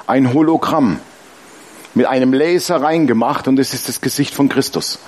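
Preacher guy, slightly high voice, tells funny stories, keeps asking the crowd stuff. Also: a little hiss or hum. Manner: lively storytelling with laughs and congregation call-and-response. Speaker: pastor. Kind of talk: sermon.

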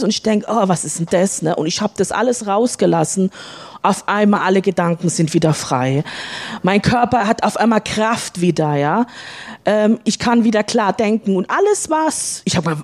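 A woman telling a personal faith testimony in a spontaneous, halting way, with many fillers and restarts. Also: medium pitch, a little mellow. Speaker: church member giving a testimony.

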